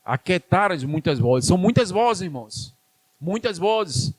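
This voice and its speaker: A man with a Brazilian Portuguese accent preaches a sermon in church, emphatic and repetitive, repeating phrases and calling on the congregation to answer back. His voice sits high and is expressive and unhurried, with no echo.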